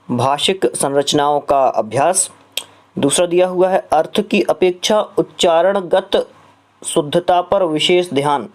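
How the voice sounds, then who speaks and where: A man teaching an exam prep lesson. He explains step by step, repeats each question and pauses on filler sounds between phrases. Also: on the high side.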